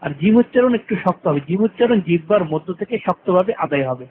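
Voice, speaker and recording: A man teaching Quran recitation rules, repeating each rule and drawing out the verses very slowly. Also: sits high, animated. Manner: repeats rules and verses, stretching vowels very long. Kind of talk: tajweed lesson with slow drawn-out recitation. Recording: tinny lo-fi phone-like recording, faint hiss.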